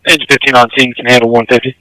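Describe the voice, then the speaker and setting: A male emergency dispatcher on police radio, reading out units, addresses and times in a quick routine. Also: medium pitch, little pitch movement, background noise. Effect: police radio transmission.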